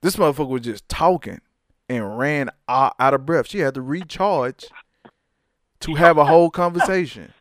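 A man's voice: on the high side, normal speed, dry recording. Joking, cursing man, dry sound. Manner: joking, heavy cursing, teasing. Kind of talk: casual chat.

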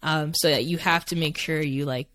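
A woman in her twenties co-hosts a podcast in a slightly low voice. She rambles casually, with "like" in nearly every phrase. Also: steady tone, moderate pace, fairly bright tone. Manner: rambling, heavy use of "like". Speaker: podcast co-host. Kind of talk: casual chat.

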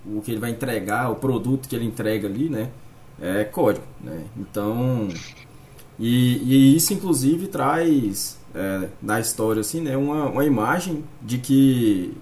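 A man with a Brazilian accent discussing casually, halting often and peppering his explanations with tag words. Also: mid-range voice, darkish tone. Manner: halting, filler-heavy explaining with frequent "né" and "tipo". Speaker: podcast guest. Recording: faint background noise.

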